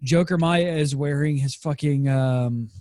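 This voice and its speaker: A man co-hosting a casual podcast with a fairly high voice, excitable and quick to swear and laugh. The sound is close and dry. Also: dry recording. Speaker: podcast co-host. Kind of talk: casual chat.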